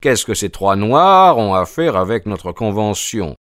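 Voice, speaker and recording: A man's voice: deep voice, animated, moderate pace, dry recording, clean studio sound. A man putting on a greedy scheming army officer. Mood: brisk.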